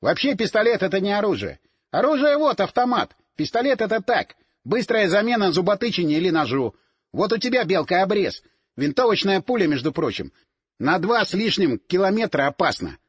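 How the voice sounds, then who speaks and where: A man's voice: high voice, sing-song, a little fast, breathy edge, voice pushed up, heavily acted. A man voicing a confident young man explaining matters in a self-assured way, in an audiobook. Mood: lecturing. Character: confident young man, lecturing about guns.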